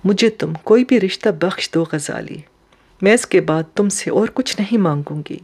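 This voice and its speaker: A woman's voice: mid-range voice, darkish tone, breathy edge. A woman voicing a proud but wounded young woman who pleads emotionally with a friend. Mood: tearful. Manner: emotional, impassioned questioning.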